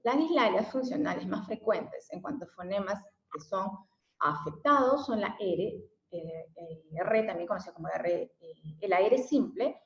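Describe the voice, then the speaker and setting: A woman giving an explanatory lesson as a special education teacher, often adding fillers and tag questions. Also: mid-range voice. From Mexico. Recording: echoey room, dull lo-fi sound.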